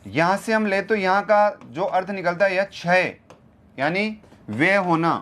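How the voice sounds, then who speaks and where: Male grammar lecturer, high voice, unhurried delivery, repeats terms and quizzes the class rhetorically. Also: expressive, fairly bright tone. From India. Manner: repeats key terms and asks rhetorical questions. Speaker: Hindi grammar teacher. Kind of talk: exam-prep grammar lecture.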